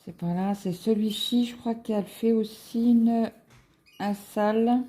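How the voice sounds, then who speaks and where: A woman chatting casually as a cross-stitch vlogger, musing aloud with halting fillers as she browses shops online. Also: a little high, steady tone, dark tone. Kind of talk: casual screen-share chat.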